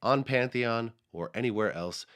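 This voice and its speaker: A man hosting a music podcast while fighting a head cold, his voice breathy, talking casually with a dry, self-mocking manner. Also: medium pitch, normal speed, a bit bright. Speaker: podcast host.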